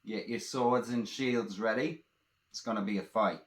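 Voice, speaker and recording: In a room with noticeable echo and slight background noise, a storyteller performs his own fantasy adventure with theatrical flair and addresses the audience directly. He speaks at a normal speed in a fairly low voice.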